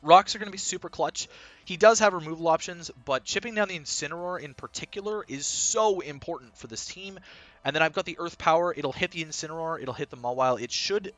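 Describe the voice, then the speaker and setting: A man's voice: a little high, brisk, fairly bright tone, dry recording, soft background music. A man talking casually as a team coach, explaining his strategy in a rambling way full of ums and uhs.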